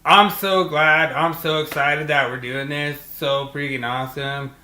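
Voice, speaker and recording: A man's voice: a little high, steady tone, a little slow, echoey room, noisy background. A man co-hosting a podcast, talking in an enthusiastic, filler-heavy way, with lots of "dude" and "like I say.". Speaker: podcast co-host. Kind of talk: casual chat.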